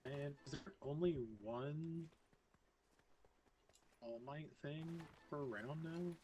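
A man's voice: a little high, takes it slowly, warm tone, slight background noise, poor audio. A man playing a game with friends, laid-back and mostly brief in his replies. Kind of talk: casual gameplay chat.

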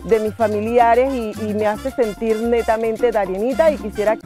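A woman's voice: fairly high pitch, fairly even intonation, moderate pace, mellow, soft background music. A woman from Panama with a Panamanian Caribbean Spanish accent, talking casually about herself. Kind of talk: casual personal talk.

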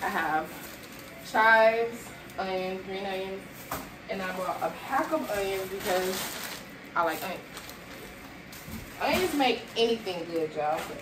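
Unhurried and lively, with long pauses, a medium-pitched young woman talks casually to her viewers, saying y'all, as she unpacks groceries in a small apartment kitchen for a haul video. She sounds a bit tired and is sweaty, moving around as she goes. The distant camera across the room picks up echo and background noise.

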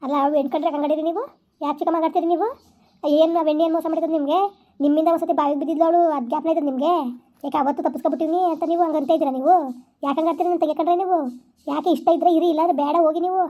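A woman's voice: high voice, steady tone, mellow, lightly acted. A woman playing an indignant young elder sister who scolds her stepmother in a village family skit. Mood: scolding. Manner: scolding, indignant, rapid-fire.

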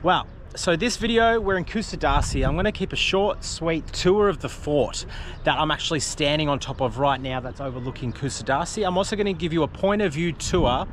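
A man's voice: a little high, a little fast, a bit bright. Cheerful male travel vlogger, 30s, from Australia, selfie camera outdoors, faint ambient noise. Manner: upbeat, chatty, enthusiastic. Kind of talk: casual travel vlog. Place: outdoors on a seaside fort. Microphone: phone or camera at arm's length.

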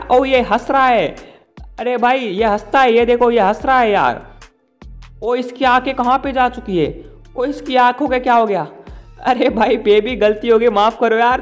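A man giving playful, excitable gameplay commentary, joking with the game character and his viewers. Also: very high voice. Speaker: gaming YouTuber.

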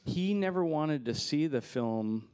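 His voice is clean and fairly high, delivered at a measured pace: a filmmaker in his forties answering at a festival Q&A. He stands on a stage before a backdrop with a handheld mic, telling relaxed, meandering anecdotes with fillers and laughs.

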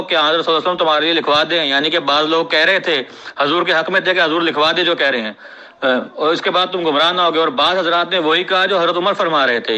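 A man's voice: on the high side, bright, forceful tone, poor audio. A man recording a debate message, insistent and challenging, repeating his demands.

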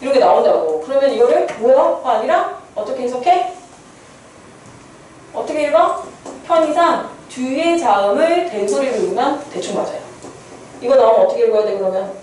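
A woman's voice: high-pitched, animated, normal speed, darkish tone. A woman teacher giving a chatty classroom lecture, often asking the class questions and answering them herself. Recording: very echoey classroom, distant mic, faint room noise.

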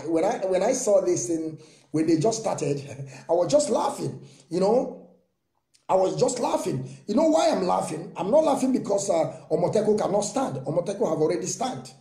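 A man's voice: high-pitched, mellow, reverberant. A man in his thirties with a Nigerian accent, giving a fervent monologue to camera with many rhetorical questions and repetitions. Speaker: political commentator. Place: small room indoors.

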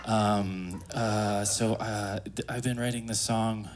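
A man in his thirties doing casual stand-up into a stage mic, with a hesitant, awkward deadpan delivery. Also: fairly low pitch, takes it slowly. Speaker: stand-up comedian and ventriloquist. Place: small comedy club stage. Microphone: handheld and stand stage microphone. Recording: noisy live comedy club.

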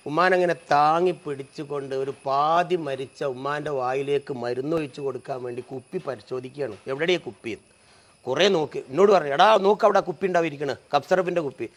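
A man's voice: a little high, quick pace. Emotional storytelling man. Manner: earnest, voice rising and falling with emotion.

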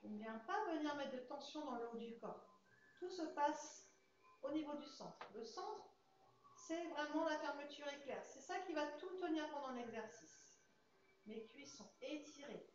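A woman with a French accent, a Pilates instructor calmly guiding a class through exercises and breathing cues. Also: high voice, unhurried, a little hiss or hum. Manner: calm, coaching cues with breath counts. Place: fitness studio. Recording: very echoey studio, slightly dull sound.

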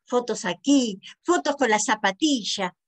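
A woman with a Rioplatense Argentine accent telling a story aloud, very expressive, with big swings in pitch for emphasis. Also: unhurried. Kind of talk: oral storytelling.

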